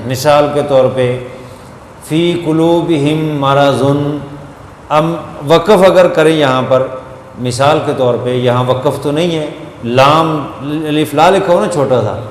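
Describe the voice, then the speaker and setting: A man gives a Quran reading lesson in a slightly raised voice, explaining grammar patiently one step at a time. His voice rings in an echoey room with a long reverb tail. A faint hum sits behind him. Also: on the high side. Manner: explains grammar step by step, chants verses slowly. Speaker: Quran teacher.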